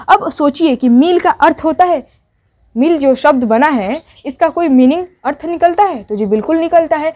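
High-voiced woman teaching a language lesson. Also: warm tone. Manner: patient, repetitive explaining with rhetorical questions. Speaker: Urdu teacher.

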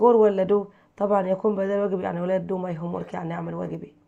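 Brief: Egyptian woman teacher, dark gravelly voice, reads English exercises aloud and quizzes the class in Arabic. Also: medium pitch, muffled recording. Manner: reads English then translates, quizzing pupils. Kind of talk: textbook exercise lesson.

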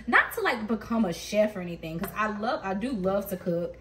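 An animated woman in her thirties talks fairly quickly in a mid-range, slightly bright voice, with a little hiss or hum in the background. She's a mom vlogger telling a story and laughing often while cooking dinner for a cook-with-me video. A camera across her indoor home kitchen records the echoey, distant sound.

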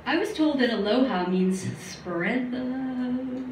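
A middle-aged woman performing a stand-up comedy set with deadpan, self-mocking asides in a small studio. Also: high voice, slow pace. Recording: roomy, distant live recording with faint noise.

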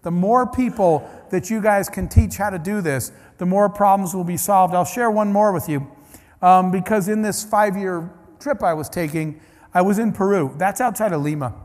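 A man's voice: high-pitched, moderate pace, darkish tone. A man giving a conference keynote, telling stories in a conversational, anecdotal way with restarts and asides. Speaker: keynote speaker. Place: large conference hall. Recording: long hall reverb.

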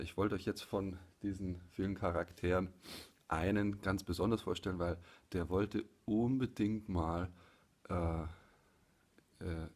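A man in his forties chatting casually to camera in a halting, hesitant way, with a gravelly, husky voice. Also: sits low, darkish tone. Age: 40s. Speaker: hobby puppeteer and vlogger. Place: small living room, indoors. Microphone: phone or camera at arm's length.

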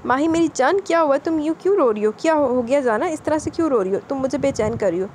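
A woman's voice: sits high, lively intonation, fast, a little mellow, a little hiss or hum. A woman voicing a young husband who is loving and possessive, coaxing and scolding his crying wife in an audio novel. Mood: tender worried. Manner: pleading, coaxing then scolding.

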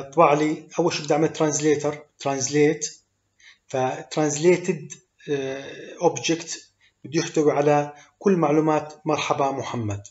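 A man's voice: on the high side, a little mellow. A man teaching programming, explaining step by step with many fillers and English code terms. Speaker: programming instructor. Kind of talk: screen-recorded coding tutorial. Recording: echoey room, dull lo-fi sound.

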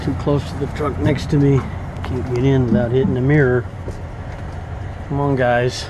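Male truck driver, vlog voice-over, talks under his breath, mid pitch, steady engine and yard hum behind, phone mic. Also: moderate pace. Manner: mutters quietly to himself while working. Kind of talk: casual vlog narration. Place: truck terminal lot at night, then inside a truck cab. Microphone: handheld phone camera.

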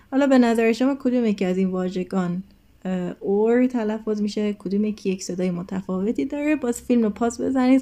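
A woman runs a recorded English lesson with a mellow, relaxed voice. She explains each point and reads the example sentences aloud slowly and carefully, like a patient teacher. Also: mid-range voice. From Iran.

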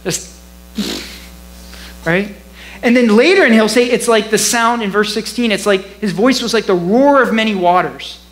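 A man preaching a sermon as pastor in a church, conversational and animated, often laughing at himself. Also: high voice, moderate pace, long pauses, rough recording.

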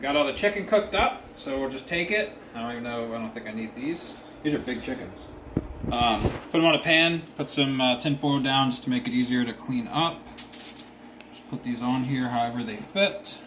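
A young man casually walking through a recipe in his home kitchen, plain-spoken and full of fillers. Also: medium pitch. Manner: laid-back, plain-spoken, filler-heavy. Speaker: home cook. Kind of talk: casual cooking demonstration. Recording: noisy home kitchen with sizzling.

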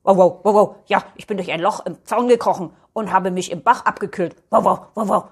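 Woman plays curious little male storybook terrier, eager, barks between words, breathy voice. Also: mid-range voice, brisk, natural voice.

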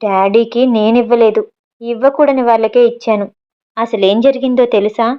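A woman's voice: a little high, steady tone, normal speed, clean tone, lo-fi sound, close to an everyday voice. A woman voicing a spirited, sulky young woman on the phone in her own voice.

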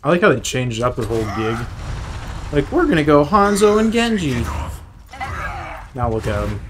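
A young man from the United States streams a shooter game, joking, swearing and chatting with viewers between fights. His slightly high voice is very animated at normal speed, with slight background noise plus game audio and music.

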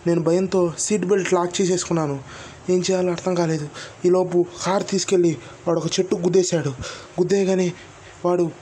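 A man's voice: high-pitched, warm tone, a little hiss or hum. A man telling a horror story in the first person, narrating plainly and acting out the quoted lines.

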